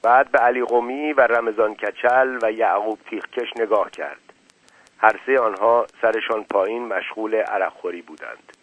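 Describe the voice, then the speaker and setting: A man reading a story aloud in a steady, plain narrating voice, in a dry, phone-like recording. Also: lowish voice, dry recording. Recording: dry, phone-like narrow sound.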